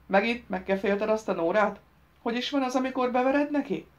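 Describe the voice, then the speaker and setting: A woman voicing rowdy drunken teenage boys in an audiobook, loud and mocking. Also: a little high, pitched above the performer's own voice, close to an everyday voice. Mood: jeering.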